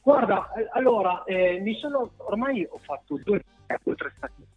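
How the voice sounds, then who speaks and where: A man speaking as a singer guest over a phone line, halting, with many fillers, often stressing that he is being honest. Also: high-pitched. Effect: heard over a phone line. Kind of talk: casual radio interview. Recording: tinny phone line, faint music behind.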